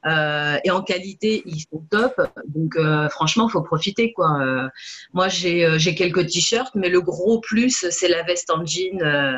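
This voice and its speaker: A woman's voice: lowish voice, measured pace, fairly bright tone, slightly rough, highs cut off. A woman chatting casually about selling, hesitant and full of fillers. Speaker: network marketing distributor. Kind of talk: casual talk to camera.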